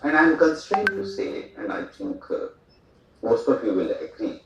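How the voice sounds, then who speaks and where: Speaker from India, low voice, giving a relaxed talk with asides; heard from afar in a very echoey hall. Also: male voice, unhurried, creaky. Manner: conversational, with frequent fillers and asides. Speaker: speaker at a port day event. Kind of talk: public speech with anecdotes. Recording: echoey hall, voice from far off, dull sound.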